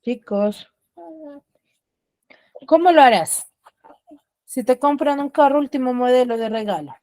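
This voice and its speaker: Woman schoolteacher teaching online, a touch high-pitched, dry sound, patient and explanatory, acts out her example lines. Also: dark tone, no room sound. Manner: explains patiently, tags sentences with quick checking questions; reads example sentences with acted feeling. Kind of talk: online class lesson. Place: online class from home.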